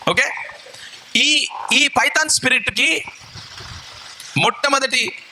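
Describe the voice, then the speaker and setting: A man's voice: very high voice, takes it slowly, sharp tone, slight background noise. A male bishop, preaching a sermon with a live demonstration, throwing questions at the congregation and coaxing helpers step by step. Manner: fires rhetorical questions at the congregation.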